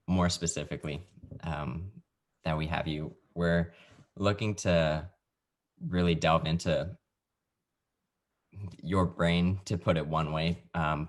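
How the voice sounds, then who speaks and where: A man hosting a casual interview over a video call, his voice pitched very low. His tone is easygoing and jokey as he leads the questions. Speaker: podcast host.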